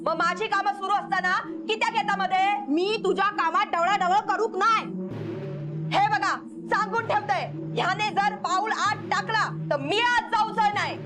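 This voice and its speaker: An actress playing a sharp-tongued village wife in a TV drama, scolding and arguing. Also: female voice, normal speed, music in the background. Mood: angry. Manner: shrill, scolding, argumentative. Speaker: quarrelling family woman. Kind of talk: TV drama acting.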